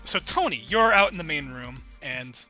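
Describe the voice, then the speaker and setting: A man's voice: fairly high pitch, lively intonation, moderate pace, pushed and bright, soft background music. A man narrating as game master in a rambling, filler-heavy way.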